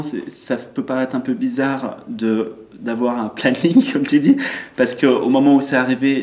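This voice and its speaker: A man calmly reflecting, as a spiritual teacher, in a group discussion, pausing often. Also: mid-range voice. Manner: calm, reflective, hesitant with many pauses. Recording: roomy echo.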